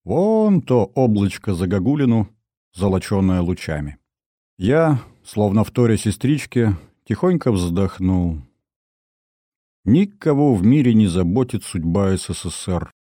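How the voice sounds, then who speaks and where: Guy narrating an audiobook, wry and expressive, warm dark voice, dry close mic. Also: on the low side, a little slow, dry recording. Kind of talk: first-person audiobook narration.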